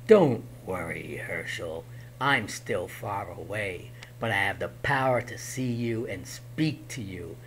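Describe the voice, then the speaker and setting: A man voicing a menacing goblin king from a storybook in a slow, hissing, low whisper. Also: lively intonation, fairly bright tone, heavily acted. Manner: slow, threatening. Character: menacing male goblin king, ancient and cruel. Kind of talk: storybook read-aloud.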